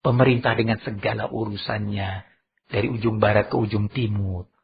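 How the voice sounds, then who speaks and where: A man preaching a sermon in Indonesian-accented speech, animated, often raising his voice sharply to act out quoted speakers. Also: moderate pace, gravelly, breathy edge. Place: large mosque. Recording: muffled low-bitrate mosque recording.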